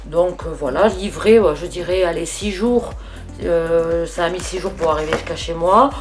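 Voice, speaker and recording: A woman's voice: fairly low pitch, moderate pace. A middle-aged woman, chatting casually through a beauty haul with many fillers and restarts. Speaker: beauty vlogger. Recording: faint music behind.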